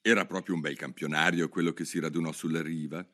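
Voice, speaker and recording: A man narrating a children's story aloud in an expressive, animated way. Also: rumbling low, fast.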